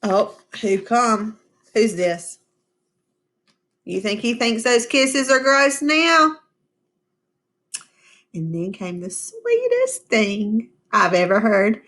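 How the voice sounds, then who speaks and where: Teacher lady reading a kids book out loud, slow and expressive, stops to quiz the kids. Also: a little high. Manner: expressive, asks the children questions, slow and patient. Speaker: teacher reading aloud to children. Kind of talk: storybook read-aloud with class discussion.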